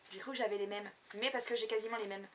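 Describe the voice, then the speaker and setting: A woman's voice: medium pitch, fairly even intonation, very fast, a bit bright, far from the mic, slight background noise. A woman chatting casually in a shopping haul vlog, rambling with lots of fillers. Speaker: vlogger.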